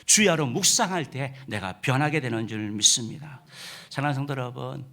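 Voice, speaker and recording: A man's voice: medium pitch, lively intonation, a little fast, bright, forceful tone. A middle-aged man preaching a sermon as senior pastor, emphatic and full of filler "uh"s.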